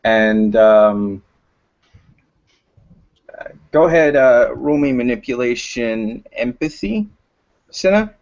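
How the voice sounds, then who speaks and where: A man's voice: medium pitch, expressive, slow, pauses often, darkish tone. A man narrating a tabletop game as game master, hesitant with many fillers, in a dull lo-fi recording.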